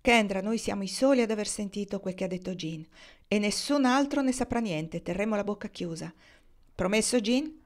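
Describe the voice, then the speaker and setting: A woman's voice: mid-range voice, normal speed, lightly acted. A woman reading the lines of an authoritative male leader of a gold-prospecting party, in a firm, commanding tone. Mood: earnest.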